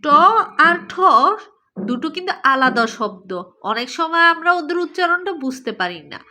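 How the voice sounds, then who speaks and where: A woman with a Bangladeshi Bengali accent teaching children letter sounds, saying each one slowly and repeating it for them to echo. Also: very high-pitched, very animated, sharp tone, slight background noise. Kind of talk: children's pronunciation lesson.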